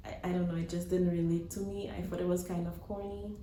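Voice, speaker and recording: Halting woman, off-mic in an echoey room. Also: fairly low pitch, little pitch movement, mellow, far from the mic. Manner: halting, with many fillers. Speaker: co-host of a movie review show. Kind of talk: casual movie review chat. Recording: echoey room, a bit off-mic, faint noise.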